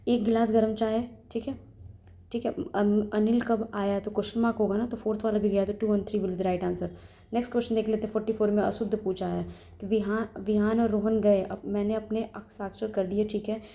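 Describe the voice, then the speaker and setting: Brief: woman test-prep tutor, flat gravelly delivery, brisk and repetitive, solving questions aloud. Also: medium pitch. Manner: brisk, explains each option, repeats words and says "ठीक है". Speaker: exam coaching teacher.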